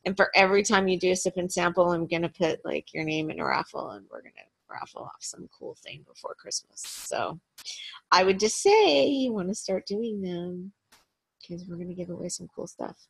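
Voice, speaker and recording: A woman's voice: on the low side, moderate pace, creaky, breathy edge. A woman hosting a team video call, chatty and upbeat, with lots of fillers and laughter. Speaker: meeting host. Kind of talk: casual video call meeting.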